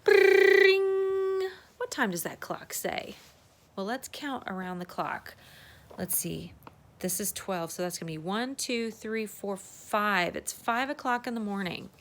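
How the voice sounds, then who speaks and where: A woman reads a children's storybook aloud as a circle-time teacher, adding chatty asides, exclamations and questions for her young listeners. Her medium-pitched voice is animated and slow, with a little hiss or hum on the recording.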